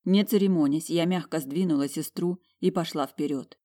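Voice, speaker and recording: A woman with a fairly low voice narrates a first-person story as an audiobook. Her reading is emotional and inward, and she leans into the narrator's feelings. The delivery stays steady and measured.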